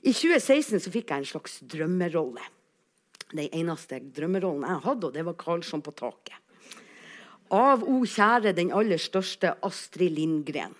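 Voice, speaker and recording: A woman actress telling a personal story as a monologue, acting out the quoted lines with big changes in loudness. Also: on the low side. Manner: animated, acts out quotes with big shifts in loudness.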